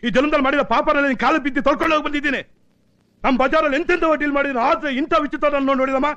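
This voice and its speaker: An actor playing a loud, indignant local tough man who talks in fast, excited bursts. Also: very high-pitched, highs cut off. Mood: agitated. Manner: excitable, rapid, exclamatory. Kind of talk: film dialogue.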